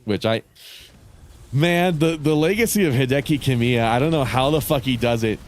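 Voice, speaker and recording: Casually chatting as he streams a game, this man has a mid-range, expressive voice at a normal speed that sounds stuffy and nasal. He wanders from point to point, curses frequently, and laughs between ideas, with a little hiss or hum in the background.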